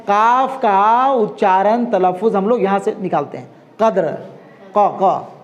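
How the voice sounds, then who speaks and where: A man with a high-sitting voice teaches an Urdu class slowly, repeating each word and frequently checking that students follow along. The sound is lo-fi.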